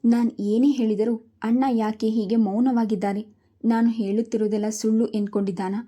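Scheming sarcastic sister-in-law in a storybook tale, grumbling, mellow dark tone, read by a woman. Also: on the high side, little pitch movement, normal speed, natural voice. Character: scheming proud sister-in-law, sharp-tongued.

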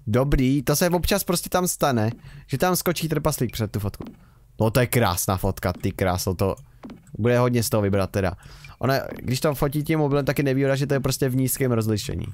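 A man's voice: medium pitch, darkish tone. A young man giving rambling, casual commentary while playing a game, with wry remarks. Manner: chatty, rambling, wry self-mocking remarks. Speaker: Let's Play host.

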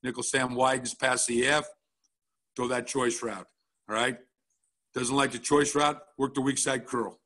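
Blunt football coach breaking down film. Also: male voice, medium pitch, steady tone, unhurried, pushed and bright. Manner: blunt, casual, peppered with "all right?".

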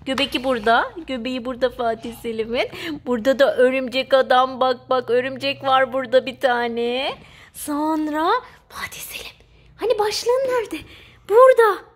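A woman's voice: high voice, moderate pace, a little hiss or hum. A young mother hosting a family vlog, talking playfully and sweetly to her little son. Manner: cooing and playful, talking to a toddler. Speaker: mother and channel host.

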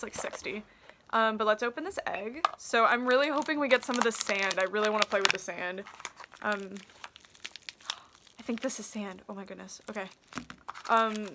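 A young woman with a slightly high voice chats through a toy unboxing, excitable and rambling with plenty of "um" and "like". She sits close to a desk camera in a small room lined with shelves, and loud crinkling of plastic packaging runs under her talk. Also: background noise. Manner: chatty and excitable, with frequent "um" and "like". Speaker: toy collector vlogger. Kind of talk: casual unboxing chat. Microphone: camera on desk at close range. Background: crinkling packaging and clicks.

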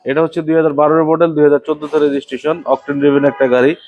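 A man with a Bangladeshi accent sells used cars in slick showroom patter. His voice sits fairly high and he talks very fast, restating prices and features as he goes. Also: little pitch movement, muffled recording, faint music behind. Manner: slick salesman patter, repeating selling points and prices. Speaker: used car salesman at a showroom. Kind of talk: car sales pitch to camera.

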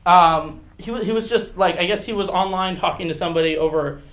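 A young man telling a rambling, self-mocking true story from high school as an improv monologue. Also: fairly quick, a bit bright. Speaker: improv performer.

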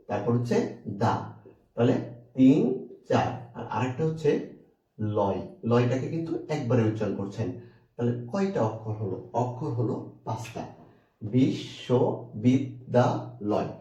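A man's voice: medium pitch, mellow. Man teaching in an echoey room. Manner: asks the viewer questions and answers them; spells words out slowly syllable by syllable. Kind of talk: exam-prep grammar lesson. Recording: echoey room, far from the mic.

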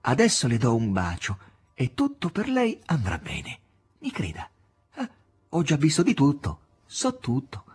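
A man reading an audiobook, voicing a tender, compassionate woman in a soft whisper. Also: mid-range voice, wildly swooping pitch, measured pace, breathy edge, pitched above the performer's own voice, exaggerated voice. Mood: soothing. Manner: whispering softly.

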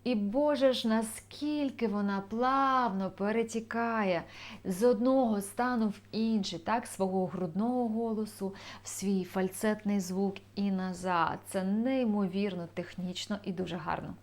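A woman's voice: mid-range voice, unhurried. Enthusiastic woman vocal coach explaining. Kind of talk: video lesson on singing technique.

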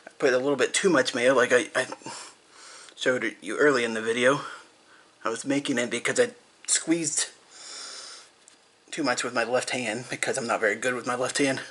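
Bright-voiced young man vlogging a snack. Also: medium pitch, steady tone, normal speed, long pauses, breathy edge. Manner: rambling, repetitive, eats and talks with mouth full. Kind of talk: casual food-tasting vlog.

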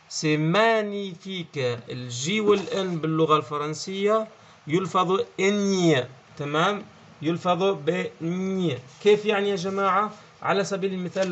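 A man's voice: sits high, fairly quick, a bit bright, muffled recording, a little hiss or hum. A man with a Levantine Arabic accent teaching French in an explanatory lesson, often checking in and repeating key words. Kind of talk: online language lesson.

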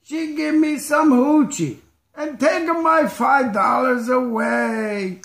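Guy doing a goofy ranch cousin, gravelly and draggy broken english, comedy skit, echoey room. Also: extremely high pitch, a bit bright, full character voice. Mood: boastful rhyming. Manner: slow, halting delivery in broken English. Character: comic Mexican cousin, rustic rhyming rancho bumpkin. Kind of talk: improvised comedy sketch character. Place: living room at home. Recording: roomy home webcam sound.

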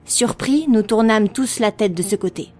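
A woman reading an audiobook in a steady, expressive storytelling manner. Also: medium pitch, moderate pace, faint music behind. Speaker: audiobook narrator. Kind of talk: scripted audiobook narration.

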